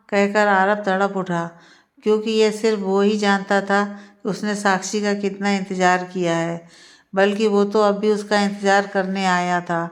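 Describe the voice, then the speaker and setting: Woman, storyteller, scripted narration, flat monotone, mid pitch.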